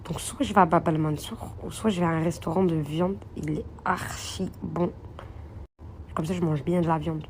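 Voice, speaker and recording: A woman's voice: lowish voice, fairly even intonation, moderate pace, darkish tone, a little hiss or hum. A young woman, chatting casually to her followers in a rambling phone vlog from a hotel room. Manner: chatty, rambling, addresses viewers as princesses and girls. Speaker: vlogger.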